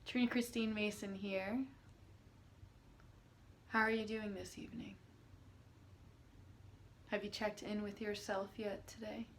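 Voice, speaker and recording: Speaking as a spiritual healer and meditation guide, a woman addresses the listener haltingly, with long pauses and drawn-out words. Her voice is medium-pitched and level, and the recording has noticeable background noise.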